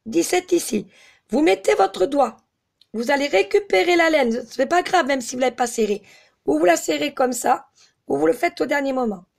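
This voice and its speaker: A slightly hoarse woman giving a step-by-step crochet tutorial, patiently counting stitches aloud. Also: sits high, lively intonation, normal speed. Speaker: crochet teacher.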